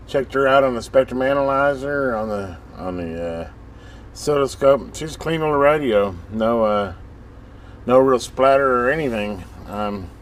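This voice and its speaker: At his workbench surrounded by radio equipment, an American man with a medium-pitched voice hosts a casual, hands-on video on his radio hobby channel. He thinks out loud in a folksy, meandering manner, and steady background noise runs under the recording.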